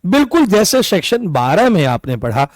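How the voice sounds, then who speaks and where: Here a man leads an online exam-prep session in a high, sing-song, darkish voice at a moderate pace, hoarse and coughing, often recasting key points as questions for the class. His own mic captures it with no room sound.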